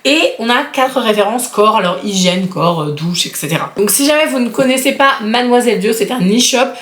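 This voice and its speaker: A woman's voice: a little high, lively intonation, a little fast, a bit bright. A woman in her thirties chatting casually and enthusiastically as she unboxes beauty products, with frequent fillers. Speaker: beauty vlogger. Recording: roomy echo.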